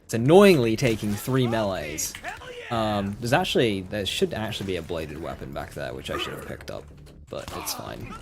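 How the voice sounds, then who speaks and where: A man's voice: on the low side, very animated, moderate pace. A man giving casual, chatty live gameplay commentary, talking straight to his viewers. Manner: chatty, addresses viewers directly. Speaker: game streamer.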